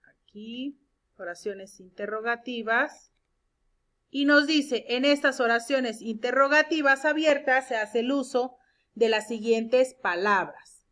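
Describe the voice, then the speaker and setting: A woman teaching an English grammar lesson, explaining step by step and reading example sentences slowly and clearly. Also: on the high side, fairly bright tone. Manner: explains step by step, checks with "¿de acuerdo?".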